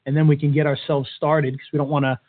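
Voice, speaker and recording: A man's voice: a little high, little pitch movement, quick pace. An upbeat, joking man co-hosting and presenting a casual, informal webinar. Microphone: webcam webinar call. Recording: tinny, phone-like band-limited webinar audio.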